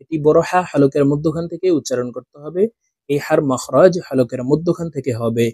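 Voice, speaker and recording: A man teaching Quran reading in a recorded video lesson. He recites letters in a slow, drawn-out, melodic way with careful pronunciation and speaks directly to his viewers. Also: a little high, warm tone, husky, dry recording, studio quality. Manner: instructive, addresses viewers directly.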